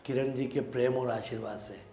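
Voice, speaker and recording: Politician from Rajasthan, gravelly, emphatic and defensive, in a roomy echo with faint noise. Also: male voice, medium pitch, steady tone, brisk, warm tone, soft background music. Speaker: local politician, interview guest. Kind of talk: sit-down interview answers.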